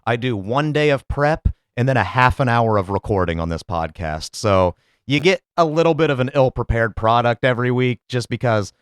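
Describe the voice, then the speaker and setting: A man's voice: medium pitch, moderate pace, hardly any pauses, smooth, no echo, studio quality. A man hosting a solo podcast, talking in a sarcastic, profane, rambling way. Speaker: podcast host. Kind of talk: casual solo podcast commentary.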